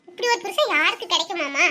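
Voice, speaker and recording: A woman's voice: very high voice, lively intonation, brisk, sharp tone, exaggerated voice. A woman voicing a cheeky young woman in a cartoon family skit who teases her relatives and meddles in their talk. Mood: teasing. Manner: teasing, chatty.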